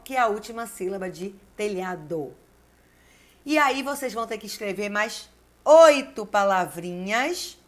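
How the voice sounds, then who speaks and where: A woman, a teacher giving a video lesson, who dictates slowly and repeats key words syllable by syllable while encouraging her class. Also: medium pitch, fairly bright tone. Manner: encouraging, addresses the class directly. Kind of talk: video lesson with word exercises.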